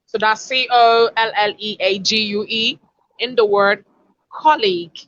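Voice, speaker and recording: A woman's voice: mid-range voice, steady tone, measured pace, fairly bright tone, no echo, lo-fi sound. Woman teaching pronunciation. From Africa. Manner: explanatory, demonstrates word sounds. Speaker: communication expert. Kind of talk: online pronunciation lesson.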